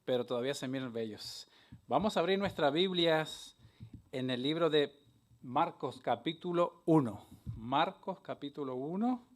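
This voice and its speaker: A man's voice: a little high, animated, unhurried. A male preacher greeting his congregation affectionately and leading them into the Bible reading. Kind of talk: sermon. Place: church sanctuary.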